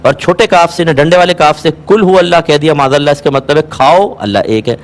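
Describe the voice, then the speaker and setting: A man answering viewers' religious questions on a call-in show, calm and explanatory, asking listeners to check they follow. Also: fairly high pitch. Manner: calm, explanatory, patient advice; asks rhetorical checks, occasionally amused.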